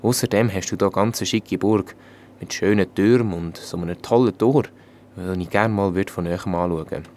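A man doing a cheeky, smooth-talking minstrel. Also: deep voice, normal speed, a little hiss or hum, natural voice. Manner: lively, smooth-talking, friendly. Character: clever young male minstrel, cheeky and bold.

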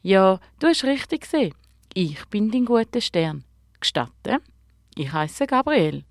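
A woman's voice: mid-range voice, sing-song, measured pace, no room sound, clean studio sound. Field: a woman voicing a kindly fallen star. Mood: explaining. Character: fallen little guardian star, male, kindly and clumsy.

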